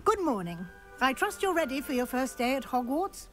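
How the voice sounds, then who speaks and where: A woman voicing a brisk, encouraging older witch professor in a video game, authoritative. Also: high voice, big pitch swings, music in the background. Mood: encouraging, firm. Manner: measured, authoritative.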